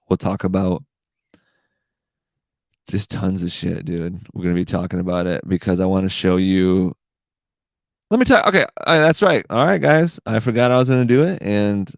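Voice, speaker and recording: A man's voice: fairly low pitch, dry recording. A man in his thirties hosting a casual solo podcast, rambling and swearing with "dude" in every line. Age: 30s. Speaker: podcast host.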